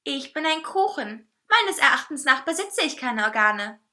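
A woman's voice: sits high, sing-song, moderate pace, bright, forceful tone, voice pushed up, exaggerated voice. A woman voicing a cocky male talking cake, a whiny diva who teases and bosses. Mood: smug. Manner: teasing, whining and bossy.

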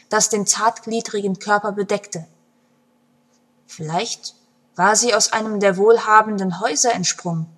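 A woman reads a story aloud in a breathy, mid-pitched voice. Her narration is expressive, dropping into hushed passages and rising strongly at dramatic turns. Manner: expressive, with swings between hushed and loud passages.

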